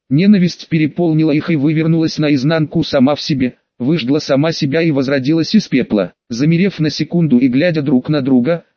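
A man narrates an audiobook in a steady, even reading voice. His pitch sits slightly high for a man. The recording is dry, close and a little muffled. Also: no room sound. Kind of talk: scripted narration.

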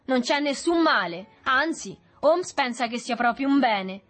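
A woman's voice: high voice, lively intonation, measured pace, fairly bright tone, soft background music, voice pushed up, full character voice. A woman doing a sneering teenage boy ringleader. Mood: mocking. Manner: taunting, teasing.

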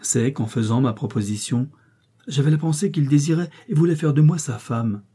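A male audiobook reader narrating a classic novel in a measured, even way. His voice is very dark and mellow, with a husky texture. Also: mid-range voice. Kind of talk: scripted literary narration.

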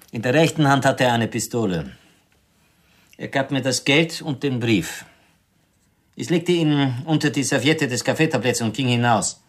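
In a radio play, a male actor with a natural, medium-pitched voice portrays a Mexican hotel employee who is polite, guarded, formal and courteous.

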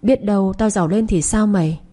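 A woman's voice: mid-range voice, brisk, warm tone, close to an everyday voice. Woman doing a bitter, wry runaway boy.

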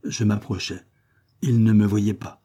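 A man reading a novel aloud as calm scripted narration. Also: fairly low pitch, measured pace, husky. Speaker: audiobook reader.

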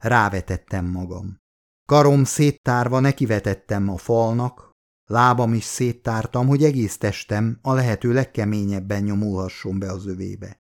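A man reading a literary novel aloud as an audiobook, with measured, expressive first-person narration. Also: fairly low pitch.

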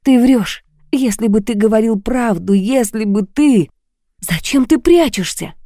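Frantic tearful young woman, high and mellow, dry close read, as a woman narrator puts her on. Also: lively intonation, measured pace, dry recording. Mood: hysterical. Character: desperate young woman on the edge of hysteria.

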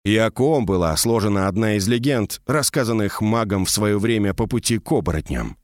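A man narrating a fantasy audiobook in a steady storytelling read. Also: lowish voice, brisk, dry recording, clean studio sound.

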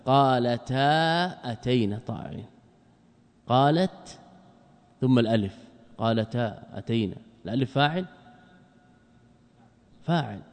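A male scholar giving a classical grammar lecture, asking rhetorical questions and answering them himself, and repeating key words slowly for emphasis. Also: medium pitch, darkish tone. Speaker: Islamic scholar teaching grammar. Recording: long hall reverb.

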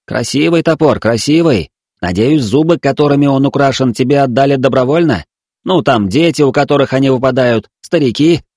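Man doing friendly young sailor guy, cooing, a bit higher than his narration. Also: animated, moderate pace, darkish tone, dry recording, clean studio sound. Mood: coaxing. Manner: coaxing, cooing. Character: young eager male sailor, friendly, chatty.

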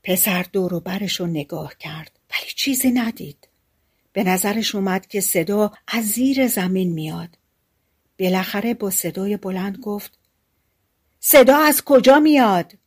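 A woman narrating a fairy-tale audiobook in a calm, colloquial storytelling manner. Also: medium pitch, husky.

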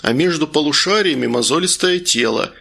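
A playful young man in a storybook, teasing and unhurried, as a male narrator puts him on. His voice is gravelly with a husky, bright edge. Faint music sits underneath. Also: fairly high pitch, lively intonation, full character voice. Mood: casual. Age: young adult. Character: playful young man, brain-obsessed tease.

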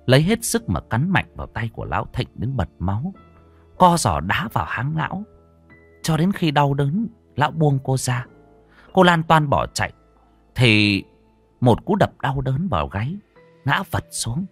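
A man narrating a ghost story theatrically, moving from hushed to urgent. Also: medium pitch, slightly rough. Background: faint music.

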